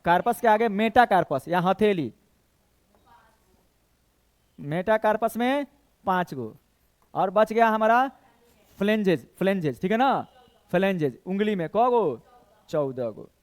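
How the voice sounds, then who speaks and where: Bhojpuri-accented guy teaching exam class, high voice, super clear, keeps counting stuff out loud. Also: expressive, unhurried, long pauses. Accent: Bhojpuri-tinged Hindi. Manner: counts bones aloud, asks and answers his own questions. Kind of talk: exam coaching lecture.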